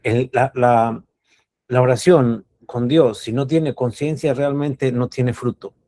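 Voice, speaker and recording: An earnest man gives a spiritual coaching talk in a mid-pitched voice. He teaches reflectively, repeating key phrases for emphasis and posing rhetorical questions to his listeners. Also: fairly even intonation, slow, warm tone. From Cuba.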